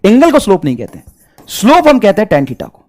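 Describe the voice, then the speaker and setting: Male math teacher, animated sing-song delivery, drills points by repetition, fond with students. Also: high-pitched, fairly quick. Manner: addresses students fondly as children. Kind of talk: classroom lesson.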